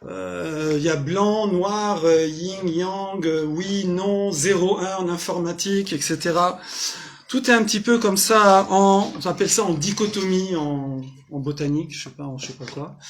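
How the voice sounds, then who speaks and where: A man's voice: high-pitched, a little hiss or hum. A man giving a casual, joking Torah class to a group, quizzing them and translating Hebrew terms as he goes. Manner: casual, jokey, asks the audience questions. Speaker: Torah teacher. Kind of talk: lively informal Torah class. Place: small community centre hall.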